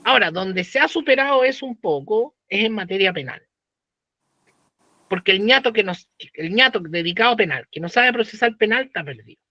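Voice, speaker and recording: A Chilean law professor lectures in a high, very bright voice, tossing slang and rhetorical questions at his students. The sound is dry and close, with a dull, lo-fi tone to the recording. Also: lively intonation, brisk, no echo.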